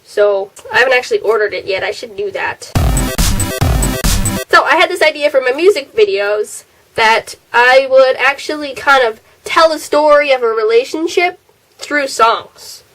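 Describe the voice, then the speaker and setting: A teenage girl rambling casually in a home vlog, with giggly, quick asides, recorded on a laptop's built-in mic in her bedroom. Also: sits high, expressive, over music, rough recording. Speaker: vlogger.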